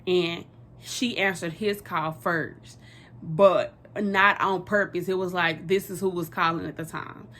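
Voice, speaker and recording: A woman's voice: on the low side, fairly even intonation, a little slow, fairly bright tone. A young woman, telling a personal story in a rambling, casual way with lots of fillers.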